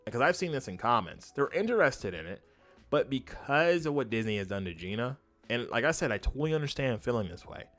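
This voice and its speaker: A man's voice: medium pitch, sing-song, fairly quick, fairly bright tone, soft background music. A man giving casual, opinionated livestream commentary as a host, speaking emphatically and often repeating his phrases for weight. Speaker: YouTube host and streamer.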